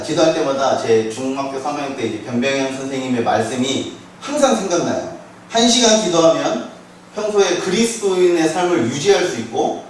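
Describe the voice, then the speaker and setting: A man in a church small group, reflectively sharing a testimony with hesitant pauses and fillers. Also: a little high, a little hiss or hum. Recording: echoey room, picked up from far off.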